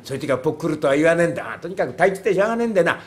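A lazy fake priest barks in gruff, brusque slang, as a rakugo teller puts him on. His voice sits somewhat high for a man. It is a comic story told on stage. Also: animated, very fast, background noise, natural voice. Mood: bossy.

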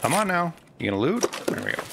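A man's voice: on the high side, sing-song, fast, noisy background. A man giving casual commentary to himself while playing a shooter game, muttering as he loots and swearing now and then. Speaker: gameplay streamer.

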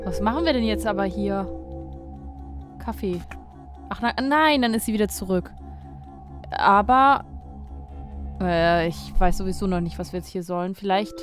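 A woman let's player giving casual commentary, thinking aloud as she plays. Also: mid-range voice. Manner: thinks aloud, reads item names out.

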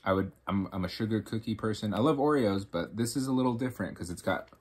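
A man co-hosting a casual snack review, talking in a halting, rambling way and admitting he mumbles. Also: lowish voice, breathy edge. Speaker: co-host tasting food.

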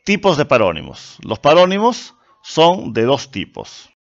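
A man's voice: fairly high pitch, huge pitch swings. Guy explaining a lesson, patient, voice goes up and down a lot, muffled lo-fi audio. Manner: patient, explanatory, with frequent filler pauses. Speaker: teacher. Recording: dull lo-fi recording.

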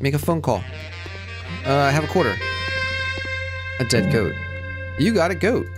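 A man with a fairly high, very animated voice plays a horror game at a normal speed, jumpy and joking as he talks back to the on-screen characters. It's let's-play commentary with clear game music running behind him.

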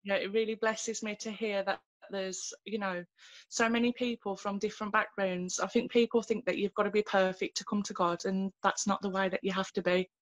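A woman tells her faith story over a webcam call from a small room at home. She speaks earnestly but haltingly, restarting often, with a flat and even tone in a dry, close sound. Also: mid-range voice, no room sound. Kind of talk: personal testimony in a video call. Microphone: laptop webcam on a video call.

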